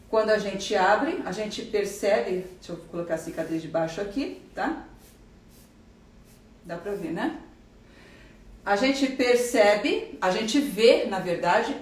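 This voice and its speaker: A woman plastic surgeon with a Brazilian Portuguese accent who answers viewers' questions in a live stream, talks fast and with enthusiasm, and explains while pointing and drawing. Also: medium pitch. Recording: roomy echo, voice a bit far from the mic.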